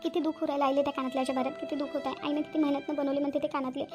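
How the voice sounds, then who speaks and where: Brief: a woman as young village daughter in a cartoon, full of self-blame, quick high speech. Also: flat delivery, music in the background, natural voice. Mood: guilty. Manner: guilty, self-reproaching monologue. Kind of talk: cartoon voice acting.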